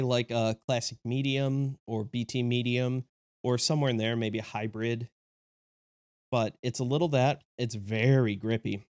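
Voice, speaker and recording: A man's voice: medium pitch, darkish tone, no echo, clean studio sound. A sick man whose voice sounds a little off, hosting a casual review vlog in a chatty, enthusiastic and joking way. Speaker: disc golf video host.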